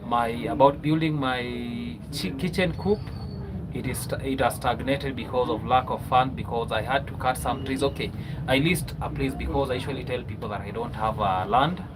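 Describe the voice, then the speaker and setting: A Kenyan man talks loosely and conversationally, as if hosting his own live broadcast, often checking in with a questioning "yeah?". His voice sits at an ordinary middle pitch for a man. Steady background noise and the odd passing vehicle run under his speech. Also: moderate pace. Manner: chatty, tags many phrases with a questioning "yeah?". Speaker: livestream host. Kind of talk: casual livestream chat.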